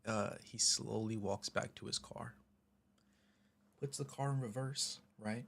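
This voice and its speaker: Husky low-voiced man telling a story. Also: measured pace. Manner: chatty, animated retelling with asides. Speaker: vlogger, storyteller. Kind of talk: casual storytime.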